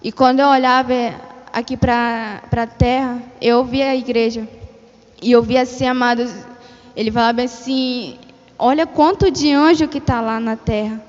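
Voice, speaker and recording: A woman's voice: on the high side, fairly even intonation, moderate pace. A woman in church giving a testimony of a vision, retelling the dialogue step by step. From Brazil. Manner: storytelling, retelling dialogue with repeated "he said like this". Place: church hall. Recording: dull lo-fi sound in a reverberant church hall.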